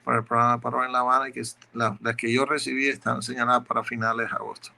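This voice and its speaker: Bright, gravelly man explaining law. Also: mid-range voice, level tone, quick pace. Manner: explanatory, methodical, repeats words while searching. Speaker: immigration lawyer. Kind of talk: answering legal questions.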